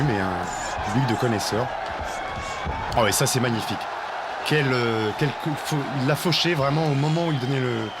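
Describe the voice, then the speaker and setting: A man's voice: lowish voice, heavy background noise. A man co-commentating a fight live in an appreciative, conversational way. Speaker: co-commentator for combat sports. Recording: loud crowd and music behind.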